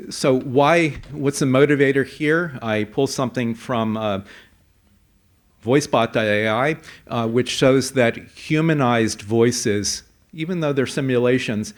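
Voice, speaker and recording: A man presenting a conference talk, explaining with a measured pace and frequent fillers. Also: mid-range voice. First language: English. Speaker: conference speaker. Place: conference hall.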